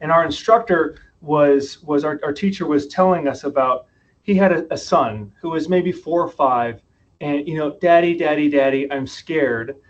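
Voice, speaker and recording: A podcast guest with a slightly high voice tells stories at a normal speed in a conversational, reflective way, asking himself questions aloud. The recording is muffled.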